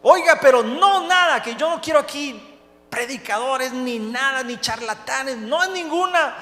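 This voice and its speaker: A man's voice: sits high, normal speed, fairly bright tone. A man voicing a male prison director within a sermon, talking bluntly in an echoey hall. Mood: angry, dismissive. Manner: blunt, then apologetic and pleading. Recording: echoey church hall, faint noise.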